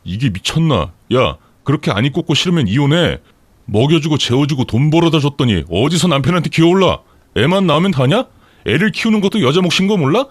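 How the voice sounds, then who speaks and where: A man voicing a hot-tempered, contemptuous young husband who snaps and yells, in a story read for radio. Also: low voice, very animated, normal speed, husky, dry recording, exaggerated voice. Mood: angry yelling. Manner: snapping, yelling.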